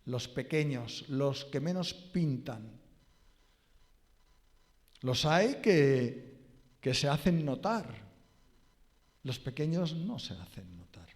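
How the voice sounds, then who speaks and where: A male pastor preaching a sermon and leading a prayer in a slow, emphatic, drawn-out way. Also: big pitch swings. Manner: emphatic, drawn-out preaching with wide pitch swings. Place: church hall. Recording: reverberant church hall.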